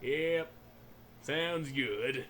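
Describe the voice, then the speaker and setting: A man's voice: mid-range voice, drawn-out words, fairly bright tone, slight background noise. A man giving casual, slangy, joking commentary over a game he is playing. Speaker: gamer commentating on a playthrough.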